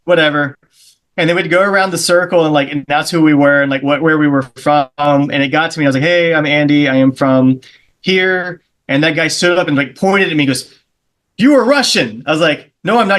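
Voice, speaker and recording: Slightly high and a bit bright, this Charleston, South Carolina comedian's voice drifts through casual podcast chat as a guest. His stories ramble, and he performs the voices of the other characters in them.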